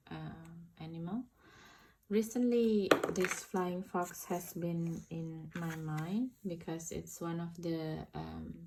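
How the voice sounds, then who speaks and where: Speaking slowly with an Indonesian accent, a woman flips through and unboxes a tarot deck, commenting casually. She sounds hesitant and halting, searching for words, in a fairly low voice with gravelly fry. Faint background noise is audible.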